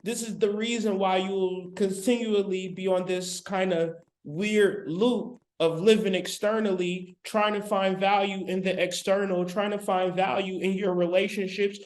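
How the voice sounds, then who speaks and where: Through his laptop mic, a spiritual teacher with a high-pitched voice lectures live to his viewers. He hammers points home, repeating them in a casual, colloquial manner.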